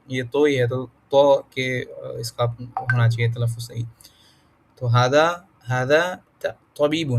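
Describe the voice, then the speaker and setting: A man reading through a beginner Arabic lesson and explaining each word, thinking aloud with pauses and fillers, slowing to sound out words and mixing in English terms. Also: medium pitch. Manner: mixes English words into his talk. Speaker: self-taught Arabic learner teaching.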